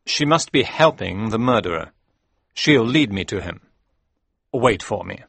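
A man voicing Sherlock Holmes, a sharp, confident male detective, in a brisk, commanding way. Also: on the low side, expressive, vocal fry, slightly rough, no room sound, exaggerated voice. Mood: explaining. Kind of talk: audiobook reading.

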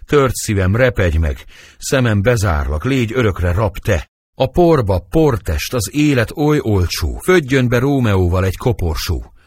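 A man's voice: fairly low pitch, big pitch swings, darkish tone, husky, no room sound, studio quality. A man reading the part of young Juliet, anguished and passionate, in dramatic verse.

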